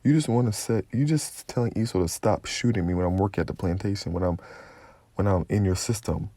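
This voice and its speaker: A man's voice: sits low, a little fast, mellow, no room sound. A man giving a confrontational, profane religious rant, constantly repeating "okay?" as he preaches. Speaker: religious commentator.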